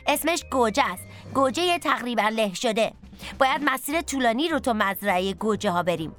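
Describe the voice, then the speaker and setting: A woman voicing a plump, many-eyed, bossy potato in a children's story, talking in a chatty, lively way. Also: fairly high pitch, soft background music. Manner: chatty and lively, leading the group.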